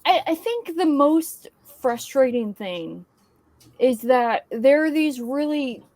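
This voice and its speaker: A high-pitched woman hosts a movie reaction over a video call, her voice leaping up and down as she vents in exasperated, profanity-laced bursts. She sounds a little tipsy from whiskey, and the sound is close and dry with no room echo. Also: slow. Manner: exasperated, swearing, animated. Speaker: book channel host.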